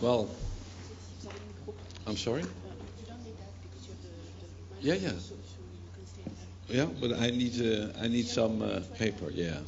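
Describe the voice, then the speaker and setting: A man in his fifties with a Dutch accent and a gravelly voice, giving a public talk in pauses for an interpreter. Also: medium pitch, expressive, crowd noise. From Netherlands. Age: 50s. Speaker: guest speaker. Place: live event before an audience. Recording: noisy, slightly muffled event recording, clicks.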